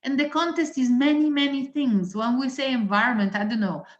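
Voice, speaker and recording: Speaking a little fast in a high-pitched voice, an Italian-accented woman doctor whose native language is Italian gives a methodical webinar lecture. She lists points, hesitating often, and the recording sounds roomy, dull and lo-fi.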